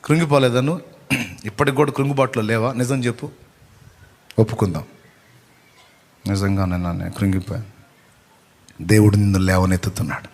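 A man preaching a sermon as pastor, fiery and exhorting, swinging between loud calls and hushed asides. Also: mid-range voice. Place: church. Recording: long reverb of a church hall.

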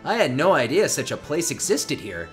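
A youthful, fairly high male voice plays a reluctant teenage hero. He is wry, casual and skeptical in video game style, with music behind him. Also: wildly swooping pitch, moderate pace. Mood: wary, grumbling.

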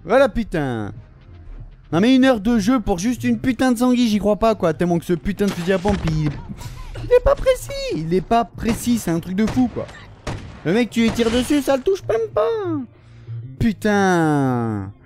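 A man giving excitable, slang-heavy commentary over his own gameplay, swearing often. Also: high-pitched, normal speed, faint music behind. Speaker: gaming video creator.

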